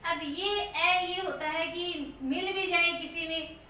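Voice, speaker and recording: A woman teaching English pronunciation, slowly repeating and drawing out the example words. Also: very high-pitched, fairly even intonation, sharp tone. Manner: slow, drawn-out repetition of example words. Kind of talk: pronunciation lesson. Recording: echoey room, mic at a distance.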